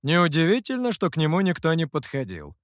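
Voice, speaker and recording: A man voicing a calm, polite master who speaks in a courteous, measured way. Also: on the high side, no echo, clean studio sound.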